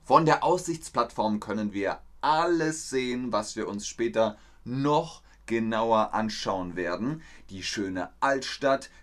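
A man teaching a livestreamed German lesson, explaining words slowly and reading out viewer comments. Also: mid-range voice.

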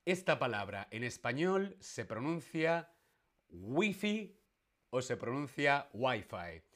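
Slow, playful male teacher. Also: mid-range voice, animated, fairly bright tone. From Spain. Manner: asks the audience questions, playful; slow, careful pronunciation. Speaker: Spanish teacher streaming. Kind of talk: live-streamed language lesson.

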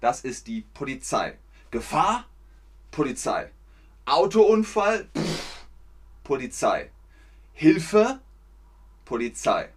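A man teaching a language lesson, speaking at a very slow, deliberate pace. His pitch moves in a lively way as he repeats words for his learners. He plays out little example scenes to make each point clear. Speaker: German teacher.

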